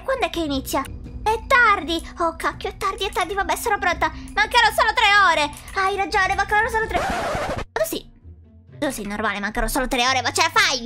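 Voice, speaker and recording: Bright, high-voiced young woman gaming. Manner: animated, squealing exclamations, voicing other characters in turn. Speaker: Roblox role-play gamer. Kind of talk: playful game role-play voicing several characters.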